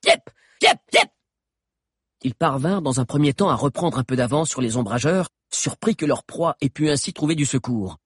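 A man narrating an adventure audiobook with an expressive, dramatic reading. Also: medium pitch, fairly quick, hardly any pauses, husky, no room sound, clean studio sound. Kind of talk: scripted narration.

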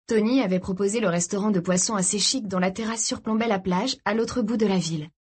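A woman reading a novel aloud in an even, measured storytelling voice. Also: mid-range voice, breathy edge. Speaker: audiobook narrator. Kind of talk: scripted narration.

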